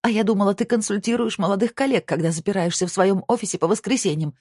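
A narrator putting on a shrill, scolding angry wife. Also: female voice, steady tone, quick pace, darkish tone, no room sound, clean studio sound, lightly acted.

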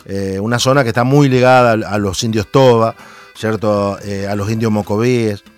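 A man's voice: on the low side, fairly even intonation, normal speed, faint music behind. A man from Argentina with an Argentine accent, hosting a radio talk show and speaking hesitantly with many fillers. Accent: Argentine Spanish.

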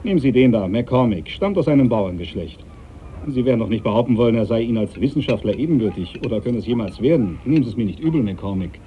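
An actor playing a haughty, pious young aristocratic sea captain in a German radio drama, formal, needling and domineering. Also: male voice, mid-range voice, lively intonation, quick pace, natural voice. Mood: sardonic, challenging. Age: young adult. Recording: thin phone-like sound, faint noise.

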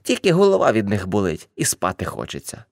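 Brief: woman voicing older male ex-hippie, boastful, rambling, animated delivery, dry studio read. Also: rumbling low, brisk, vocal fry, no room sound, pitched below the performer's own voice, full character voice.

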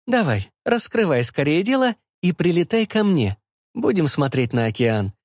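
A man's voice: fairly high pitch, big pitch swings, normal speed, a little mellow, no echo, studio quality, voice pushed up. Man putting on a bossy doting mother. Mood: insistent. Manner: insistent, scolding, fussy. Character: bossy, doting, meddling middle-aged mother.

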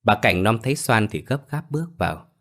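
Deep low male storyteller, steady scripted read. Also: fairly quick. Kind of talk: scripted narration of a ghost story.

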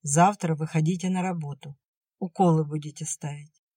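A woman's voice: deep voice, fairly even intonation, moderate pace, dark tone, husky, no room sound. A woman doing a curt, reserved male doctor. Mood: dry. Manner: dry, curt.

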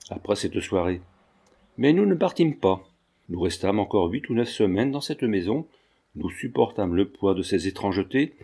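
A man narrating a literary novel as an audiobook, in a measured storytelling manner. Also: on the low side, warm tone, breathy edge. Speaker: audiobook reader.

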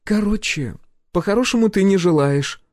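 A man's voice: sits high, animated, moderate pace, no room sound, clean studio sound, pitched above the performer's own voice. A man reading an audiobook, voicing a bold, teasing young woman who carries a rifle. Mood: defiant. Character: sharp-tongued teasing young woman, armed wife.

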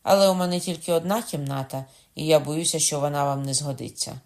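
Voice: mid-range voice, steady tone, quick pace, a little mellow, lightly acted. Brief: reader doing a cool, scoffing innkeeper who does not back down. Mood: calm mocking. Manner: unruffled and sarcastic. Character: calm mocking middle-aged innkeeper. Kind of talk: audiobook character voice.

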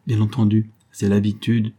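Tense young bride-to-be, read by a male narrator, hushed, dark husky tone. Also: on the low side, monotone, moderate pace, lightly acted. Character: agitated young bride-to-be, speaking low.

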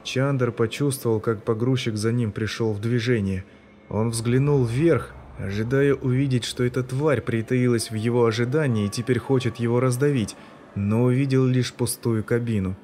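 A man narrating a science fiction audiobook in a steady, even reading voice. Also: medium pitch, normal speed, a little hiss or hum. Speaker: audiobook reader. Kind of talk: scripted narration.

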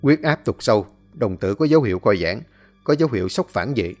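A man playing a doctor who gives brisk, clipped orders. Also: lowish voice, animated, faint music behind. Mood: urgent.

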